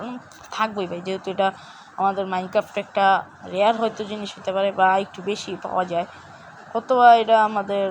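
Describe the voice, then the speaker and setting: A young woman, hoarse, giving excitable gameplay commentary for her gaming channel. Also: medium pitch, a little hiss or hum. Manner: excitable, exclaiming at each find.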